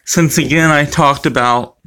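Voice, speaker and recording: A middle-aged man with a speech impediment that blurs his R and W sounds, talking casually and haltingly to the camera. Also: on the high side, steady tone, pushed and bright. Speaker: vlogger. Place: small room at home. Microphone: webcam or phone close to face.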